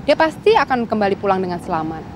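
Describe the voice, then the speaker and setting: A woman's voice: medium pitch, sing-song, fast, slight background noise, close to an everyday voice. An actress playing a composed, determined woman on an undercover team in a TV drama. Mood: reassuring. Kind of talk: television drama acting.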